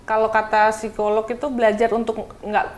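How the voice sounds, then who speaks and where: A woman's voice: fairly high pitch, flat delivery, fairly quick. A woman in her thirties chatting casually as a talk show guest, often laughing as she tells stories. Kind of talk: casual chat.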